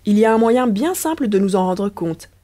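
Sly scheming husband, read by a woman, wheedling, politely persuasive, mellow warm tone, storybook. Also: mid-range voice, expressive, brisk, natural voice. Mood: coaxing. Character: smug, scheming husband Riquet, slyly polite.

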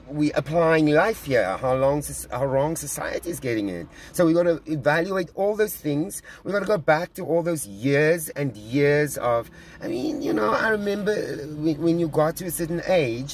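Sitting in a parked car, a middle-aged vlogger with a South African accent gives casual, earnest commentary on church news, holding his phone camera at arm's length. His medium-pitched speech is halting, full of restarts and repeated words, with a little hiss or hum.

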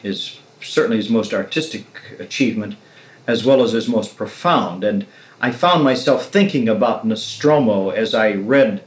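A man with a lowish voice and moderate pace interviews an author in conversational discussion, offering reflective, meandering thoughts on novels. The sound is roomy, captured on a 1969 tape recording.

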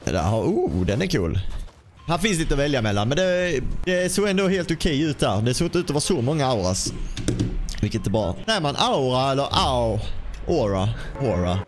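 A young man giving casual gaming commentary as a YouTuber, sing-song and animated, breaking into frustrated shouts. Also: on the high side, a little hiss or hum.

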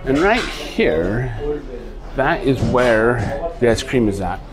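Speaking slowly but with lively intonation, a medium-pitched man rambles easily through a tour of a ship's buffet restaurant indoors. He's a travel vlogger filming handheld, and music plays beneath the low-quality recording.

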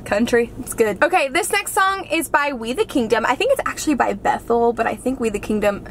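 A woman's voice: a little high, expressive, a little fast, slight background noise. A young woman in her twenties chatting in a heartfelt, gushing way, filled with "like", as she talks to a camera in a car. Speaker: vlogger. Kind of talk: casual chat. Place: inside a parked car. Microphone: camera on the dashboard.

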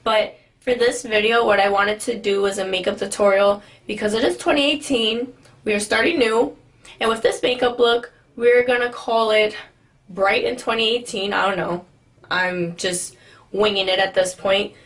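A young woman with a hoarse, sick-sounding voice, chatting loosely and jokingly as she walks through a makeup tutorial at home. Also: medium pitch, fairly even intonation, normal speed, fairly bright tone. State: hoarse from a cold. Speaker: beauty vlogger. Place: indoors at home in winter.

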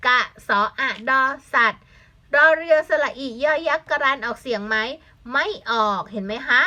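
Bright-voiced woman teaching a language class. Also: sits high, expressive, normal speed, dull audio. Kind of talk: online language lesson for children.

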